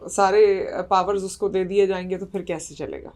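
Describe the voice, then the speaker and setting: A woman hosting an interview who speaks in a measured, reflective way and backs the guest with short agreements. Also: medium pitch, fairly even intonation, darkish tone. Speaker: host. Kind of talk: conversational interview.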